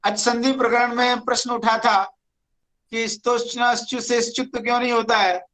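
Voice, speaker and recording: A teacher giving an online Sanskrit grammar lecture, speaking deliberately and repeating key words. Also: medium pitch, level tone, a bit bright, poor audio.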